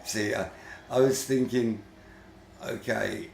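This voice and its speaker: A man with a heavily gravelly, fry-filled voice gives unhurried, grumbling running commentary while gaming. He talks in a lowish register and swears mildly now and then. The room around him rings with noticeable echo. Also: steady tone, a little hiss or hum. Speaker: vlogger.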